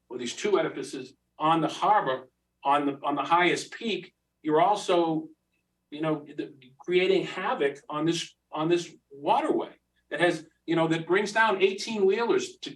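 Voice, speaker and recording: A man's voice: fairly high pitch, far from the mic, rough recording. A man giving a heated public comment at a planning board hearing, with many fillers and restarts. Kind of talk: public comment at a town meeting. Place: town meeting room.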